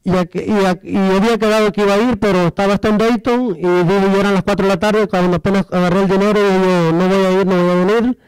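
A man's voice: high-pitched, steady tone, quick pace, few pauses, clear, resonant tone, no echo, poor audio. A man telling his testimony in a church service, acting out the dialogue as he goes and asking the congregation rhetorical questions. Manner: storytelling, acts out dialogue, asks the audience rhetorical questions. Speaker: church member giving a testimony.

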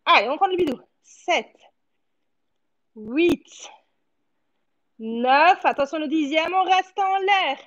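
The recording is muffled as a woman in her thirties leads a home exercise session indoors, in a living-room studio. Her voice sits high and her delivery is slow with frequent pauses, made up of quick encouraging cues and rep counts as she works out alongside.

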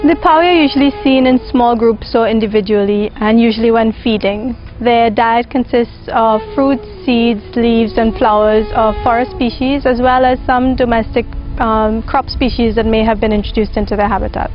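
A woman's voice: on the high side, fairly even intonation, normal speed, few pauses. A young woman explaining as an expert in a nature documentary interview, recorded outdoors. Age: young adult. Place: outdoors among greenery. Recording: slightly dull sound, music underneath.

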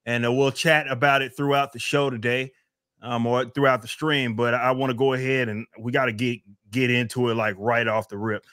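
A man's voice: medium pitch, flat delivery, normal speed, a bit bright, no room sound, clean studio sound. A man hosting a live stream, talking in a hyped, profane, casual way. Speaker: host. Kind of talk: casual chat.

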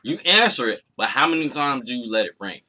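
Background noise accompanies a man of medium pitch who speaks briskly with big swings in pitch. He's a mukbang vlog host from Arkansas, United States, chatting in slang with a casual, playful air from a small indoor room at home.

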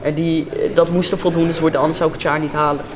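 A man's voice: fairly high pitch, level tone, fast talker, noisy background. A young man, casually telling a personal story as an interviewee in a large indoor hall. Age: young adult.

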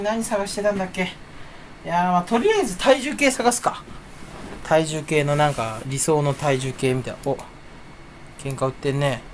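A young man rambles through a solo stream at his computer, half talking to himself and teasing himself about how forgetful he is. His pitch swings widely and playfully from line to line. A faint background hum sits under his voice. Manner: rambling, self-mocking, mumbles to himself. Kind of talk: casual solo chat while browsing online.

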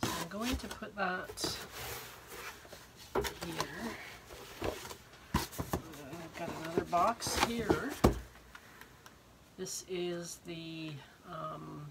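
An older woman in her sixties, slightly hoarse from a cold, talks haltingly and casually through an unboxing, thinking aloud as she goes. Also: fairly low pitch. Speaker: art vlogger unboxing supplies. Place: indoor home art studio, wood-beamed. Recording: noisy room, clicks and rustling.

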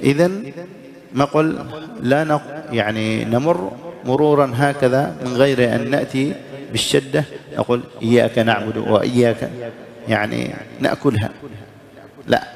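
Acting as a sheikh in a religious lesson, a man teaches recitation, explaining each error, chanting examples slowly and asking listeners short questions. His mid-range voice is gravelly, and crowd noise is audible.

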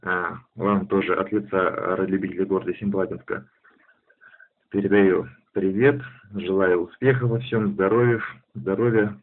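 A man with a husky voice working as an amateur radio operator, making a contact over radio. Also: deep voice, steady tone, moderate pace. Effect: radio transmission. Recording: narrowband, muffled radio sound.

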